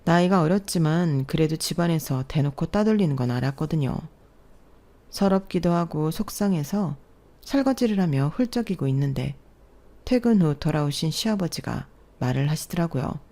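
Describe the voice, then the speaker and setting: A woman narrating a dramatic family story in a calm, plaintive storytelling manner. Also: deep voice, moderate pace.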